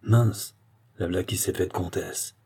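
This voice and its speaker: A man voicing a brash, coarse young farmer nephew who talks rough and rude. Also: lowish voice, moderate pace, warm tone, natural voice. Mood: belligerent.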